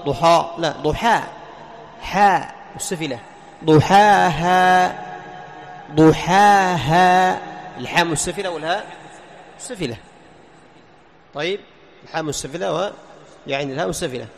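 A man with a high voice teaches the rules of Quran recitation, posing questions and answering them himself. He chants short verses slowly to show each sound. His voice carries a long reverb, with faint noise behind it. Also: gravelly. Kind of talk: tajweed lesson explaining letter articulation.

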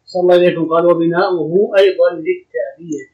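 A man's voice: sits high, steady tone, narrow, tinny audio. A man reading a text aloud for his teacher in a lesson, with formal blessings. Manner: brisk formal recitation with blessings.

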